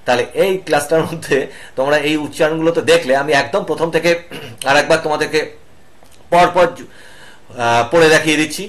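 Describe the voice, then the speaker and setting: A man's voice: a little high, a bit bright. A middle-aged man teaching an online lesson, patiently naming each symbol one by one. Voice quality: patient, explanatory, spells out each symbol slowly.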